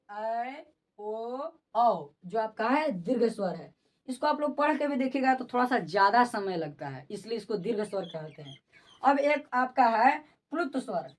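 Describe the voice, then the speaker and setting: A woman's voice: a little high, far from the mic. A woman teaching grammar. She repeats terms and keeps asking whether the students have understood. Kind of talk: classroom-style lesson explanation.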